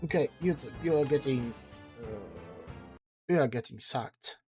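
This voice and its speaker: Slow, tired man rambling on stream. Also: medium pitch, lively intonation, darkish tone, faint music behind. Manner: rambling, self-deprecating, with many fillers and restarts. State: tired, with a strained dry throat. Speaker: streamer reading his own book. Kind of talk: casual livestream chat.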